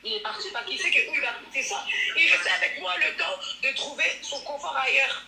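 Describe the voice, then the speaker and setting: Woman rambling fast on a live stream, bright voice, sounds far off in an echoey room with a bit of hiss. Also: high voice, gravelly. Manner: rambling, repeats herself, laughs between lines. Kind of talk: emotional live stream confession. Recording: echoey, from a distance, faint noise.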